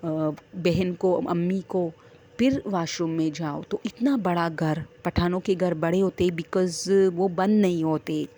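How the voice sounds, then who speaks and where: A woman's voice: fairly low pitch, warm tone. A woman from Swat, casually telling a true horror story from her own life and talking straight to her listeners as friends. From Swat, Pakistan. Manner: chatty, addresses listeners as friends, digresses.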